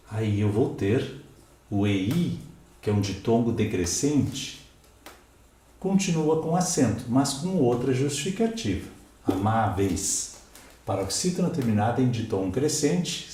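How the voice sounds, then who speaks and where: A man's voice: medium pitch, dark tone, very echoey. A Brazilian man teaching a grammar lesson at a board, explaining step by step and checking in with his listeners. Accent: Brazilian Portuguese. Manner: explanatory, checks in with "né?" and "ok?", spells out letters. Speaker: Portuguese teacher.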